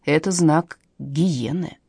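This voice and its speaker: A woman voicing an elderly male professor who lectures solemnly, in a husky, dark voice. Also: deep voice, takes it slowly, no room sound, studio quality, heavily acted. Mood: grave.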